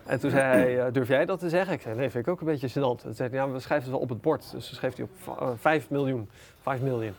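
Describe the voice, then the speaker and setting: A middle-aged man, an entrepreneur being interviewed, telling anecdotes in a relaxed, animated way with plenty of fillers. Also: medium pitch, quick pace, gravelly, few pauses. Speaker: entrepreneur guest. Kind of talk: casual storytelling interview.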